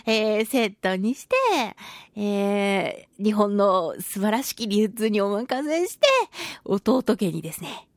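A radio show host and voice actress talks alone on a casual program, chatty and giggly, playfully dropping into mock-polite phrases as she narrates. Her mid-range voice is a little mellow and slow, and the recording is dry.

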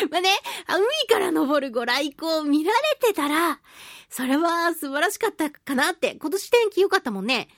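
A voice actress hosts a chatty solo radio show, reading listener mail and answering it with playful exclamations, giggles and expressive interjections. Her voice sits high, and the studio sound is clean with no echo.

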